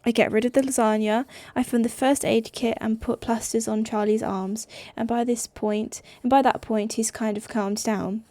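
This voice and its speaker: A woman's voice: fairly high pitch, steady tone, normal speed, few pauses, mellow, no echo. Young woman with a slight lisp reading aloud. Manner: stumbles over words, restarts phrases. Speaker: audiobook reader. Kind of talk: amateur audiobook reading.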